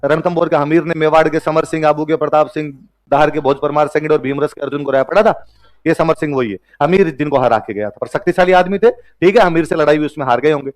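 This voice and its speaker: A man teaching a history class, asking and answering his own questions and joking with students. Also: a little high.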